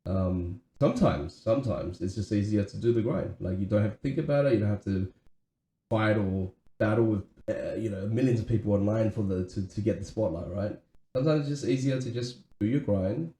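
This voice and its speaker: Low dark-voiced man, echoey room. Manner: earnest, many restarts and "right?" tags. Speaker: podcast co-host. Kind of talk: casual chat.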